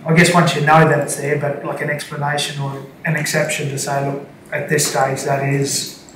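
A man speaks as a councillor in a flat, slightly high voice, stumbling and restarting as he works through his points. He sounds distant in an echoing council chamber with room noise behind him. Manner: halting, many restarts. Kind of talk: formal meeting discussion. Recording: echoey chamber, distant mic, noisy.

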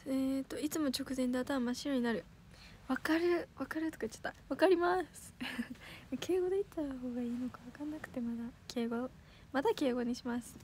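A teenage girl from Osaka with a Kansai accent chats on a livestream in a high, bright voice. She is giggly and quick to correct herself. A faint hiss sits under the recording. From Osaka, Japan. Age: teens. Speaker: idol livestream host. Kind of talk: casual livestream chat reading comments.

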